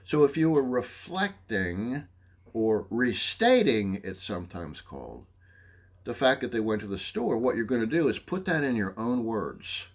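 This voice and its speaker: Man, psychology lecturer, lively pitch, classroom lesson, frequent "okay?" check-ins. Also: measured pace. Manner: animated, acts out examples. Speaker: psychology instructor.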